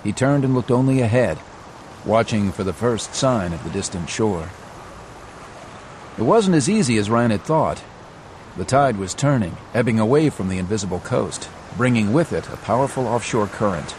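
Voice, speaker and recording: A man narrating a scripted adventure audiobook in a measured, dramatic storytelling manner. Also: lowish voice, animated, noisy background.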